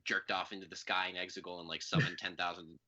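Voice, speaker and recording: A man's voice: low voice, flat delivery, fast, sharp tone, highs cut off. A man co-hosting a podcast in casual chat, rambling with many fillers and a sarcastic edge. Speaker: podcast co-host.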